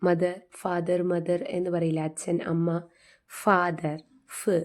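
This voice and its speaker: Slow, patient woman teaching phonics. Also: fairly low pitch, level tone, a little mellow. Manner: patient, spells letters and repeats words, asks questions. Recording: faint music behind.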